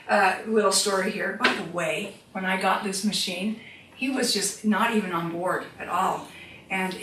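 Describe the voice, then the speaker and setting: Female presenter, high bright voice, quizzes audience, distant mic with faint noise. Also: reverberant. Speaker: teacher giving a product demonstration. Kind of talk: live product demonstration to an audience. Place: room with a live audience.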